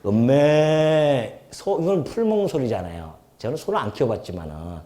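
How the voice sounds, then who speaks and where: Male pastor, church sermon, lively swooping delivery, rhetorical questions to the pews. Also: lowish voice, quick pace. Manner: animated, swings between loud emphasis and soft asides; asks the congregation questions and acts out quoted speech. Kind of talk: expository sermon.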